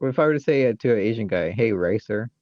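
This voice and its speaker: A man's voice: medium pitch, animated, racing, dry recording, dull audio. A man with a Great Lakes Michigan accent chatting casually as a podcast co-host in a goofy, rambling, joking way. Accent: Great Lakes American, Michigan. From Michigan, United States.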